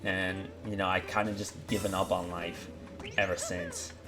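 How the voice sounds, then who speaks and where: A man's voice: low-pitched, level tone, moderate pace, music in the background. A young man from Canada in a confessional monologue, rambling and profane, with many fillers and restarts. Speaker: vlogger.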